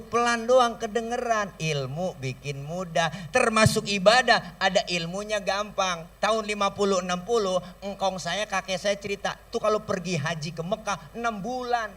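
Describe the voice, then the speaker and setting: Lively Betawi-accented preacher man on stage. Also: high voice, measured pace, distant mic. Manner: lively storytelling, mimics sounds and voices. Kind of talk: comic sermon to a crowd. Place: stage at an outdoor school celebration. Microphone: stage microphone through a sound system.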